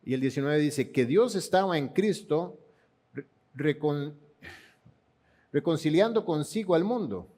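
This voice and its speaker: A man with a Panamanian accent answering Bible questions in a steady, explanatory way, with occasional restarts. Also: on the high side, measured pace, long pauses. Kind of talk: church Bible Q&A teaching.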